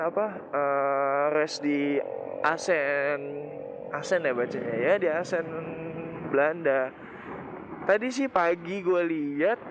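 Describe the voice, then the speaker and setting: A young man with a Jakarta accent chats away in loose slang, unable to roll his r, which comes out lisped. His voice sits a little high. It is captured through a muffled makeshift helmet mic, with heavy vehicle noise around him as he rides. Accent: Jakarta Indonesian. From Indonesia. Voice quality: lisped r (cadel), cannot roll the r sound. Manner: chatty, slangy. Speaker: motovlogger. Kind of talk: casual rambling chat to viewers. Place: riding a motorbike outdoors. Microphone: cut-off earphone mic inside helmet.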